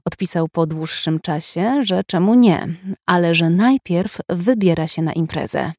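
A woman narrates a first-person story in a calm, measured, intimate tone. Her voice sits slightly low, and the recording is close and dry, with no room sound. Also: no echo. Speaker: audiobook narrator.

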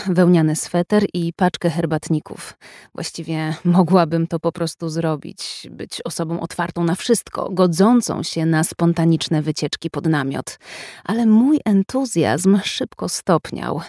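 A woman narrates a first-person story in a calm, measured, intimate tone. Her voice sits slightly low, and the recording is close and dry, with no room sound. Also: no echo. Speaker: audiobook narrator.

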